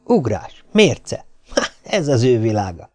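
A man's voice: medium pitch, very animated, darkish tone, faint music behind, natural voice. A man voicing a curious young boy who speaks in short, wondering questions.

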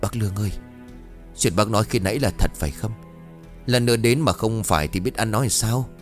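A man's voice: on the low side, a little fast, soft background music, close to an everyday voice. A man voicing a kindly, chatty older village man who worries easily. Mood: nervous.

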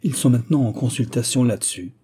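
A man's voice: medium pitch, quick pace, mellow, slightly rough, natural voice. A man voicing a sly male lackey who gossips in a knowing, teasing way in an audiobook.

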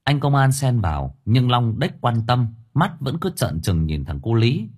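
A man narrating a story in the first person, lively and expressive. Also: mid-range voice, measured pace, slightly rough.

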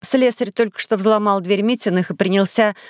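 A woman narrating a children's audiobook in a clear, even reading voice into a studio microphone. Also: mid-range voice, moderate pace, no echo. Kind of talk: scripted storybook narration.

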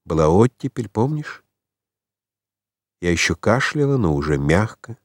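A man reading the lines of a contented, tender woman in an audiobook, in a soft, lazy manner. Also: fairly low pitch, big pitch swings, measured pace, no echo, clean studio sound, full character voice.

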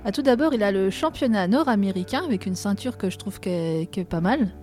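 A woman's voice: mid-range voice, expressive, brisk, a little mellow, faint music behind. A woman co-hosting a casual podcast chat, chatty and laughing often. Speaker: podcast co-host.

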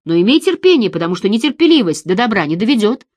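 A woman reading a calm, lecturing man. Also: mid-range voice, fast talker, dry recording. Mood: soothing. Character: calm reasoning man, patient and skeptical. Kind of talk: audiobook reading.

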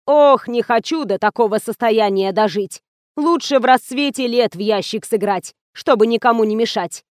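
A harried, excitable theatre administrator with a slightly high voice, as a woman reader voices her. She sounds worn out and rushed, recorded dry and close for an audiobook. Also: no echo, close to an everyday voice. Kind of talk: audiobook character reading.

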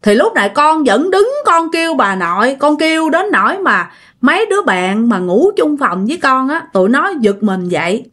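A woman's voice: high voice, very animated, normal speed, a bit bright. Woman telling a ghost story. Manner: conversational, trailing "á" fillers.

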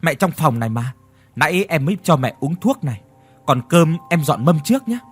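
A man's voice: on the high side, very animated, a little fast, breathy edge, soft background music. A man voicing an anxious young wife.

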